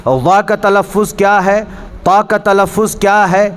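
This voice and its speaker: A man's voice: sits high, flat delivery, clear, resonant tone. A man teaching a Quran pronunciation class, earnestly correcting his students and demonstrating the Arabic sounds. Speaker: religious teacher. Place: mosque hall.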